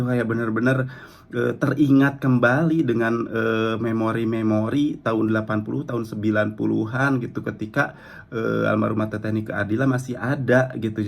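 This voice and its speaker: A man's voice: lowish voice, vocal fry. Rambling, fond male music reactor. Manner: rambling, frequent "eh" fillers and "gitu" tags, enthusiastic praise. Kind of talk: casual reaction commentary.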